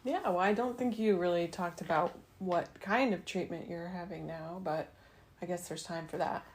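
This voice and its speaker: A woman's voice: on the low side, normal speed, a little mellow. A woman co-hosting a podcast in casual chat, chatty and teasing, now and then breaking into a bit of song. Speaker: podcast co-host.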